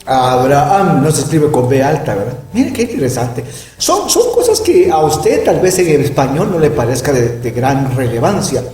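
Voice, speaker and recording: This middle-aged man's voice is a little high and darkish, very animated but at a normal speed, as he teaches a Bible lesson with plenty of emphasis and frequent "¿verdad?" checks. Recorded from a distance in an echoey room with closed blinds, with slight background noise, he sounds off-mic.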